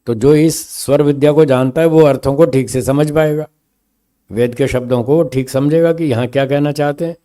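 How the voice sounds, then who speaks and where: A man teaching a philosophy class, explaining meaning through slow spoken examples and often checking that his listeners follow. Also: mid-range voice, mellow. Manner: stresses single words to show meaning.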